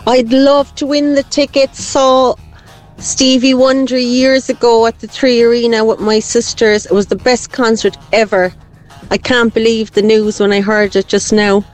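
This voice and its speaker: A woman's voice: on the high side, flat delivery, moderate pace, soft background music, low-quality recording. A woman, a radio listener speaking in a voice message played on air, eagerly talking in a rush of short sentences. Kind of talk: casual spoken message.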